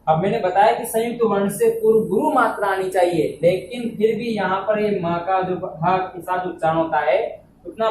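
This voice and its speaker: A male Hindi teacher giving a step-by-step lesson, often checking that his students follow along. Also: sits high. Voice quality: explains step by step, often asks if it's understood. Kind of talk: classroom-style lesson. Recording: echoey room, distant mic, faint noise.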